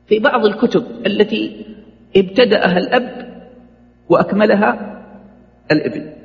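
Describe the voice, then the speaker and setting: A man gives a classroom lecture on Islamic jurisprudence. He quizzes his students and corrects their pronunciation in a fairly high voice. The recording sounds dull and carries a long hall reverb. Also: gravelly.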